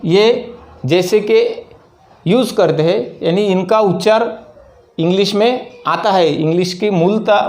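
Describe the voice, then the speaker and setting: Slow-speaking man teaching English. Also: high-pitched, a little mellow. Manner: slow, deliberate explaining, spelling out example sentences. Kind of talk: spoken English lesson.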